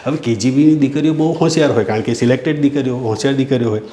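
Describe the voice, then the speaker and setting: A man's voice: medium pitch, racing, dark tone, a little hiss or hum. A middle-aged man, a school principal, telling heartfelt stories from his school in an earnest, emotional way in an interview. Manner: earnest, emotional, keeps addressing the listener as sir. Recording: roomy echo.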